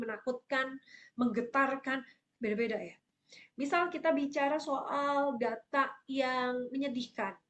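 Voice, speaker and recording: A woman coaching public speaking in an online workshop, answering questions and explaining with lively examples. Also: on the high side.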